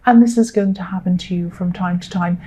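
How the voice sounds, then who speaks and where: Gentle woman giving a tarot reading. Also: lowish voice, fairly even intonation, fairly quick, slight background noise. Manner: gentle, reassuring, many fillers. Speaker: tarot reader. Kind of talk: solo tarot reading monologue.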